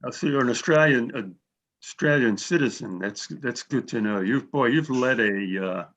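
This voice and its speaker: A man's voice: mid-range voice, moderate pace, a bit bright. A man hosting an admissions coaching webinar over a video call, talking bluntly and repeating his words as he thinks aloud. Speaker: admissions consultant host.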